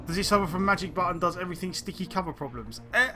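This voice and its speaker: A man's voice: sits high, expressive, rapid-fire, noisy background. A man streaming a video game, chatting and thinking aloud as he plays, rambling between choices. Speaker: gaming streamer. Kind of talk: let's-play commentary.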